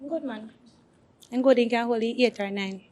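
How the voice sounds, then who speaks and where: A woman's voice: a little high, moderate pace, mellow. Woman giving casual short answers. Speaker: dating show contestant.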